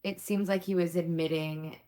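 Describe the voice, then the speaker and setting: A woman co-hosting a podcast, reacting to her co-host's recap with quick agreements and her own stories. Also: fairly low pitch, steady tone, warm tone. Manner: reactive, chiming in with short agreements and laughs. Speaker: podcast co-host. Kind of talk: casual recap chat.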